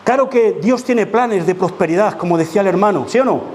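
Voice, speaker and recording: A man's voice: high voice, expressive, a little fast, darkish tone, a little hiss or hum. A man from preaching a sermon as pastor, emphatic and full of rhetorical questions to the congregation. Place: church.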